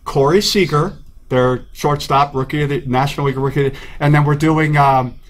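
A man talking about his baseball team in a relaxed, joking, promotional way on a studio talk show. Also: on the high side, brisk. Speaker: baseball team representative and stadium announcer. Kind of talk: casual studio interview.

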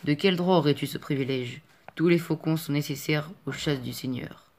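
A man's voice: fairly high pitch, moderate pace, natural voice. A man reading as a stern, menacing falconer. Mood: scornful. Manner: harsh, menacing. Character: stern cold middle-aged male falconer. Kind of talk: audiobook character reading.

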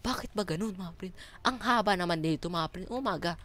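A woman's voice: fairly low pitch, a little fast, fairly bright tone. A woman with a Filipino accent giving casual commentary on a horror game, jumpy and screaming at the scares. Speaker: gaming streamer.

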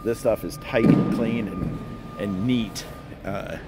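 A man narrating a casual walking tour of a large warehouse, explaining things in a relaxed way with many fillers and restarts. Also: fairly low pitch, slow. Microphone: handheld phone camera while walking. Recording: phone recording with clear background hum.

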